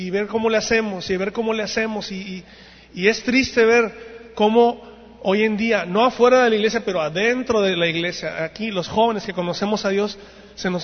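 A man preaching a sermon to young people, telling the story in an animated way and acting out the voices in it. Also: sits high. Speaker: youth preacher. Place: church hall. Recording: dull sound, long hall reverb.

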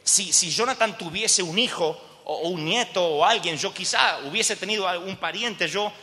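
A man's voice: high-pitched, moderate pace, pushed and bright, voice pushed up. A man preaching in a reverberant hall who voices a troubled, grieving king, earnest and stumbling over his words. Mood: pleading.

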